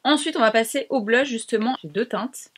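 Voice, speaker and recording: A woman's voice: on the high side, a little fast. A young woman chatting casually to camera as she tests makeup, slangy and self-mocking. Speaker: beauty vlogger. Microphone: camera mic.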